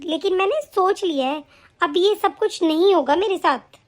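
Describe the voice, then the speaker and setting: A woman voicing a young daughter-in-law who is fed up and defiant, in an animated story, with a sharp, scolding delivery. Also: very high-pitched, normal speed. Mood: indignant. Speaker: voice actor.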